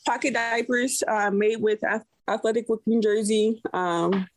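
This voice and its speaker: Her voice sits a little high, with a steady tone and measured pace. A cloth diaper brand owner from the San Francisco Bay Area, USA, she chats casually as a podcast guest, rambling with plenty of fillers like "you know."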